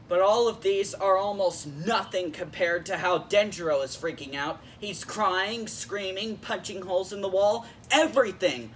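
A man's voice: high-pitched, pushed and bright, far from the mic, a little hiss or hum. A man hosting a casual YouTube episode review in a jokey, playful way. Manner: jokey, playful, switches into silly voices.

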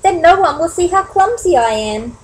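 A woman's voice: very high-pitched, expressive, moderate pace, a little hiss or hum, voice pushed up. A woman voicing a young female bat in a children's storybook reading, with a wide-eyed, anxious manner. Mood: hopeful. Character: young female fruit bat, timid and earnest.

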